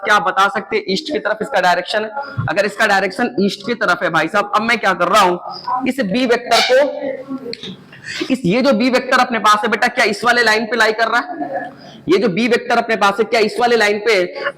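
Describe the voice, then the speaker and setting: A man's voice: sits high, fairly quick, pushed and bright, poor audio. A man teaching a physics lecture. He keeps asking his students questions and answering them himself, and he repeats the key points.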